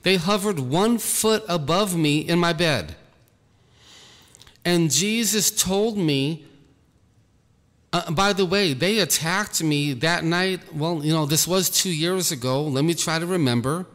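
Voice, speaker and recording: A man giving an earnest personal testimony about his ministry, talking slowly and repeating himself. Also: a little high, fairly bright tone, long reverb tail. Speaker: ministry leader.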